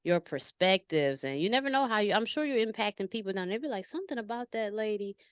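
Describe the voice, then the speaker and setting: A woman's voice: mid-range voice, expressive, fast talker, clean tone, no room sound, studio quality. A woman hosting a spiritual podcast, chatting casually with a guest, laughing and rambling with restarts. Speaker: podcast host. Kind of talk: casual interview chat.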